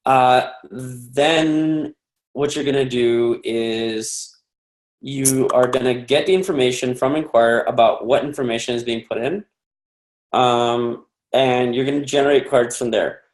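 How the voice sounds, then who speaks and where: A man's voice: medium pitch, fairly even intonation, measured pace. A man instructing a coding class in a casual, rambling way, full of fillers and self-corrections. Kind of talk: casual live class walkthrough. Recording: echoey room.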